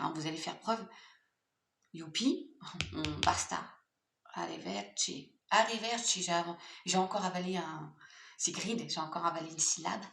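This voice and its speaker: A woman's voice: fairly low pitch, a bit bright, reverberant, a little hiss or hum. A woman doing a casual, playful card reading for her viewers, chatty with many fillers. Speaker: tarot card reader.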